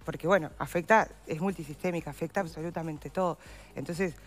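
In an interview, a woman with a Uruguayan Spanish accent, a guest advocating for endometriosis patients, gives earnest, explanatory answers and uses voseo. Her voice is low-pitched and fairly quick.

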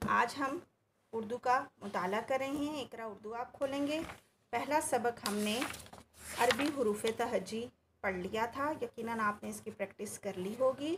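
A woman teaching children the alphabet online, reciting each letter slowly and clearly for them to repeat. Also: a little high, a little hiss or hum.

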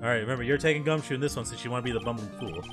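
A man hosting a casual let's play, playful and jokey, with a lively voice. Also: mid-range voice, racing, over music. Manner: playful, jokey, reads lines aloud.

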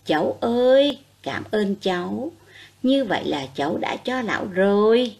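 A woman voicing a grateful old beggar man from a storybook, speaking gently and with feeling. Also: medium pitch, lively intonation, measured pace, gravelly. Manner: gentle, moved.

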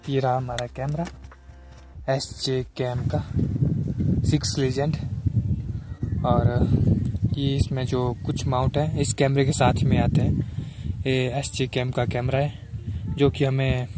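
A man's voice: medium pitch, little pitch movement, slow, pauses often. A young man casually showing his gear outdoors, talking in a rambling way with many filler words. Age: young adult. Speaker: vlogger. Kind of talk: casual chat. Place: outdoors on a hillside by a motorbike. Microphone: camera held by a helper a few steps away. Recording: distant outdoor camera audio with loud music.

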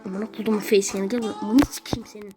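A woman's voice: mid-range voice, fairly even intonation, very fast, dark tone, soft background music. A woman ranting and swearing through gameplay commentary in a small bedroom at home. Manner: irritable, swears constantly, rants at the game. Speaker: gaming video creator.

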